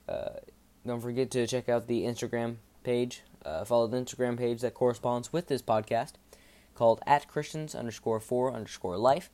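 A medium-pitched male voice delivers a loose, rambling devotional podcast talk in a flat monotone, often hesitating to correct himself.

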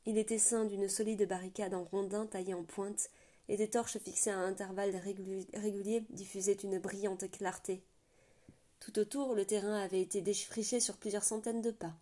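A woman narrating a fantasy novel aloud in a steady reading voice, with small slips and restarts. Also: mid-range voice, moderate pace. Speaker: audiobook narrator.

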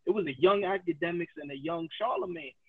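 A man's voice: fairly high pitch, fast, husky, no echo. A man co-hosting a casual podcast, talking emphatically as he reads out from documents. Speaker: podcast co-host. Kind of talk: casual chat. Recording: dry, phone-like thin sound.

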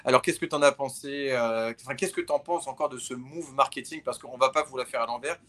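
A man's voice: mid-range voice, fairly quick, fairly bright tone. A man co-hosting a podcast, leading the conversation in a casual, filler-heavy way. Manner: conversational, leads topics with fillers. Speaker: podcast co-host. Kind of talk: casual chat about boxing.

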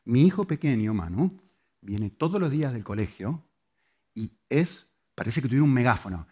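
A man preaching a sermon, moving between loud, emphatic lines and soft, hushed ones. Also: medium pitch, animated, normal speed. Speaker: pastor.

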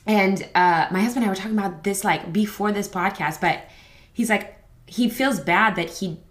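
A woman's voice: mid-range voice, normal speed. A woman hosting a parenting podcast, talking candidly in a rambling, conversational way, with lots of fillers and quoted self-talk. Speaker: podcast host. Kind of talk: casual conversational interview.

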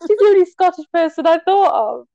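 A woman's voice: very high voice, animated, fairly quick, no room sound, dull audio. A woman guest on a casual podcast, self-deprecating and giggly. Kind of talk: casual chat.

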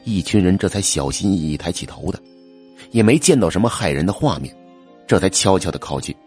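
A man narrating a spooky folk tale as an audiobook, lively in manner and slipping into the voices of the characters for their lines. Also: deep voice, brisk, slightly rough, soft background music. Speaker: storyteller. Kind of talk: audiobook narration with acted dialogue.

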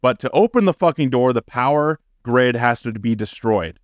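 A man's voice: expressive, normal speed, no echo, studio quality. Profane ranting man podcast host. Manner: profane, ranting, gets loud and high when exasperated. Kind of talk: casual podcast chat.

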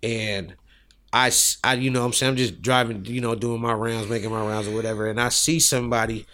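A man's voice: medium pitch, flat delivery, brisk, pushed and bright. A man, a rapper guest on a podcast, telling a story in a loose, laid-back way with lots of fillers. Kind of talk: casual storytelling chat.

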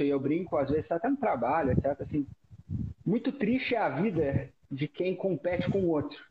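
A Brazilian man with a broken nose speaking as a guest in a casual, reflective conversation, in a halting way that often repeats words and phrases. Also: a little high. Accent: Brazilian Portuguese. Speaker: interview guest. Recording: dull audio with background noise.

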